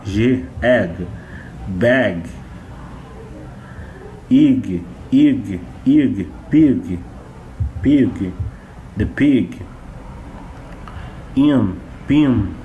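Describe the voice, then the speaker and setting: A man teaching English phonics to Portuguese speakers, repeating sounds and words slowly one by one. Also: medium pitch, dark tone, muffled recording, a little hiss or hum. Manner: slow, drawn-out repetition of sounds and words.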